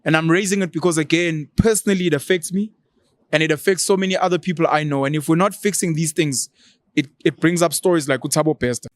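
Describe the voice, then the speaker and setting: A South African man speaks earnestly about family matters in an everyday tone. His voice sits somewhat high for a man. The recording is dry and close, with no room sound. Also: fairly even intonation, fast, no room sound. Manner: earnest, mixes in quoted speech. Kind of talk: casual talk.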